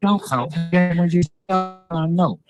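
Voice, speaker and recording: A man talks over a prison phone line, his voice sitting a little high. He rambles in loose, repetitive circles and argues his point. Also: takes it slowly, music in the background. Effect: heard over a prison phone line. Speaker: jail inmate on a call. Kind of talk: casual phone conversation.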